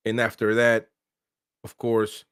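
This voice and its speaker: A man hosting a live football match reaction show, talking in an emphatic, excited way with repeated exclamations. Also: lowish voice, slow pace, smooth, no room sound, clean studio sound.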